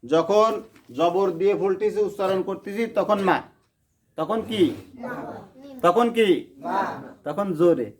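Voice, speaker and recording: A Quran teacher, slowly drilling a class on letter sounds and urging them to repeat louder. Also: mid-range voice. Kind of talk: classroom lesson on letter pronunciation. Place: noisy classroom with students. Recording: noisy classroom with crowd chatter.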